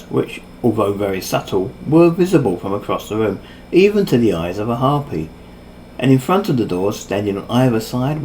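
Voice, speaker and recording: A man narrating a fantasy story in a steady, expressive storytelling manner. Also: fairly low pitch, slight background noise, poor audio. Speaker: audiobook narrator. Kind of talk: scripted narration.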